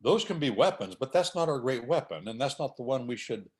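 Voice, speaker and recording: In a conversational talk on faith and order, a male host hammers his points home with emphatic, preacher-like repetition. His voice is mid-range and a little fast, with lively intonation.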